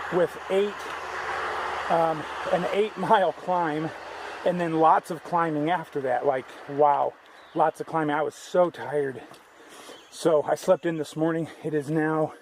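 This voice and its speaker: Out on a hiking trail, a thru-hiker vlogger chats casually to his camera, rambling conversationally and often restarting his sentences. His voice is fairly high and a little mellow, with slight background noise.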